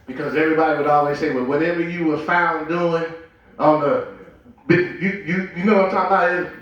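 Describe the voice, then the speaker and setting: A man with a Southern US accent preaching a sermon with call-and-response, slowing down and shouting for emphasis. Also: fairly high pitch, steady tone, dull audio. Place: large echoey church sanctuary. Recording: echoey church hall from far off.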